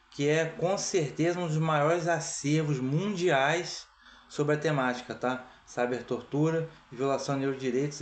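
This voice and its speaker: Brazilian man, meeting host, measured formal delivery, mid-pitched voice, echoey room. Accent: Brazilian Portuguese. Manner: measured, repeats "aí" and "tá?" tags. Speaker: association president hosting a meeting. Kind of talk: formal opening of an online meeting.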